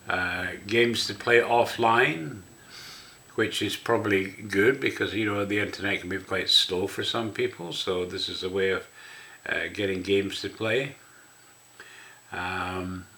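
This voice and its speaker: An older Scottish man with a smoker's rasp talks casually and ramblingly, guiding listeners through a website. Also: fairly low pitch, pushed and bright. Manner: rambling, conversational. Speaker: website host.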